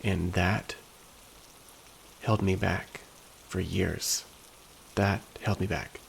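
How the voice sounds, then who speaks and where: A man speaking in a slow, soft, hushed and gentle ASMR pep talk style, at times whispery. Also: steady tone, slight background noise, poor audio. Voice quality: low, very creaky. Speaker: ASMR host.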